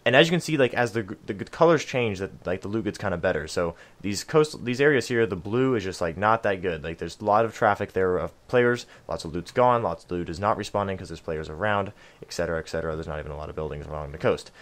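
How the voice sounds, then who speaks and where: A man giving a casual map guide for a video game, chatty, with lots of ums and self-deprecating asides. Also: fairly low pitch. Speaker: gaming video creator.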